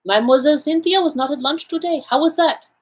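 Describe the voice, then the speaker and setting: A woman's voice: high-pitched, quick pace, pitched above the performer's own voice, lightly acted. A woman voicing a fussy elderly male Belgian detective in a storybook reading, with a raised, lilting, inquisitive delivery.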